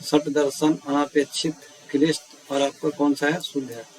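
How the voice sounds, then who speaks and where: A man teaching grammar goes through a spelling quiz word by word, reading out the answer options and repeating each word. His voice sits on the high side, level and a little mellow, at normal speed, and the rough recording has a faint hiss.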